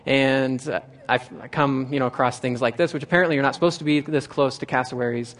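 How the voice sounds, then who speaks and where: An earnest young man from Nebraska tells a personal story in a talk. His voice sits at a middle pitch. He often restarts phrases and goes higher when he quotes what others said. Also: fairly even intonation, fairly quick, a bit bright. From Nebraska, USA. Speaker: speaker giving a talk.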